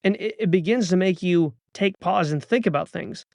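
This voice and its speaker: Thirties male podcast host; earnest motivational monologue, urging and repetitive; gravelly, dry close-mic. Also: high-pitched, normal speed, a little mellow, dry recording. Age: 30s.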